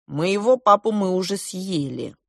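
A woman reading a storybook aloud and voicing a jealous, hot-tempered boy who shouts his retorts. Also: mid-range voice, animated, measured pace, gravelly, no echo, studio quality. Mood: defiant.

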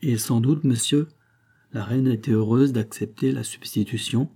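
A proud young countess, sharp-tongued and wounded, her lines lifted and tense, read by a man with a dark, husky voice. The delivery carries a steady edge of irony in this storybook reading. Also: medium pitch, normal speed, close to an everyday voice. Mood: bitter.

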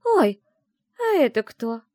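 Woman putting on a high nasal simpering lady. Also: big pitch swings, takes it slowly, dark tone, no echo, studio quality, heavily acted. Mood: simpering, mocking. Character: haughty simpering society lady mage. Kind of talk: audiobook character voice.

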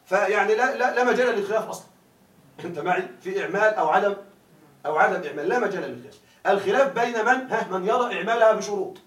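A man's voice: sits high, fairly bright tone. A man teaching grammar in a classroom lecture, often stopping to ask his students whether they follow. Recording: echoey room, voice from far off.

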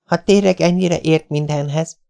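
A man's voice: on the high side, steady tone, creaky, warm tone, clean tone, pitched above the performer's own voice. A man reading an audiobook, voicing a hot-headed, foul-mouthed male police officer who blusters and swears. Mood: scornful.

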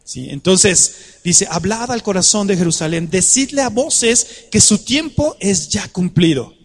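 A man preaching a sermon, animated and conversational, coaxing the congregation to join in. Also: sits high, a little slow, long reverb tail.

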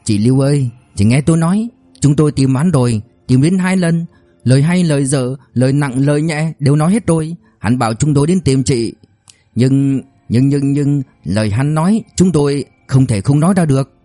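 A man voicing a glib, scheming young debt collector who talks smoothly with mock innocence. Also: mid-range voice, animated, normal speed, dark tone, no echo, soft background music, close to an everyday voice. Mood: pleading.

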